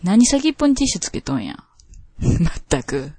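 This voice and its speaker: A woman's voice: on the low side, sing-song, moderate pace, dark tone, slightly rough, dry recording, heavily acted. A woman voicing a domineering, sadistic woman who taunts and gives orders, with a Kansai accent. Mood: taunting. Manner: commanding, taunting, scornful. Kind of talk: scripted role-play line reading.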